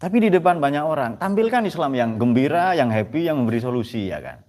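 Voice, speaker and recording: Male lecturer. Very expressive pitch, teasing and checking in with the class. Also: fast. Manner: animated, joking, asks "ya kan?" often. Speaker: teacher of philosophy at a pesantren.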